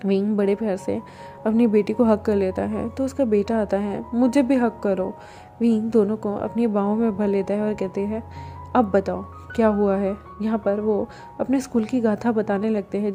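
A woman's voice: mid-range voice, warm tone. A woman casually telling a fan-fiction romance story, chatty and sprinkling English words into her Hindi.

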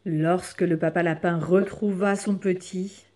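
A woman reading a children's picture book aloud in an expressive, unhurried way. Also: fairly low pitch. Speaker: storyteller.

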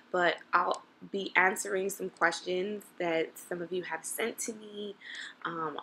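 A woman's voice: lowish voice, bright, forceful tone, slight background noise, poor audio. A young woman talking casually to camera at home, answering viewer questions in an informal, conversational way, as if thinking aloud. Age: young adult. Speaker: vlogger and pageant contestant. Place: small indoor room at home with brick wall.

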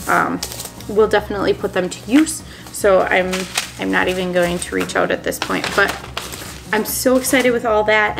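A woman's voice: mid-range voice, creaky, a bit bright. A woman in her thirties from Minnesota, chatting casually to camera in a dining room and showing seed packets, upbeat with frequent ums. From Minnesota, USA. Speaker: homesteading vlogger. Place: small indoor dining room at a wooden table.

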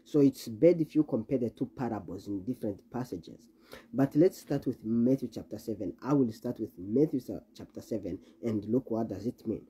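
A man's voice: mid-range voice, moderate pace, dark tone, slight background noise. A man preaching an earnest Bible teaching, repeating his points with emphasis. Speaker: evangelist preacher.

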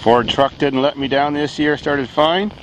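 A man's voice: fairly high pitch, a little slow, a little hiss or hum. A man from Canada, talking casually and jokily while walking around his farm, recorded on a handheld camera mic. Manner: rambling, jokey, deadpan. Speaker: vlogger. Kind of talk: casual vlog walkthrough. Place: outdoors on a farm.

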